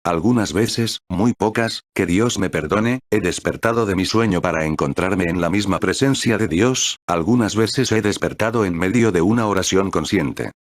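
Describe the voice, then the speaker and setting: Man, audiobook reader, very low voice, steady earnest devotional reading. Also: moderate pace, hardly any pauses. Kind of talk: read aloud devotional audiobook.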